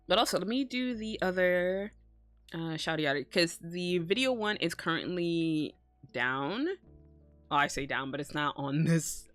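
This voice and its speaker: A woman's voice: sits low, a bit bright, dry recording. Playful, cutesy woman streamer over music. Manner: casually sweary. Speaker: streamer hosting a live stream. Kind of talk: casual live-stream chat to viewers.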